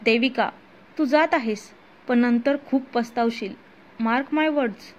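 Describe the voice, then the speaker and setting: Woman narrator voicing an angry young husband, resentful, slow, lo-fi audio. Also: very high voice, fairly even intonation, slight background noise. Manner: angry, shouting. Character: angry young husband shouting after his wife.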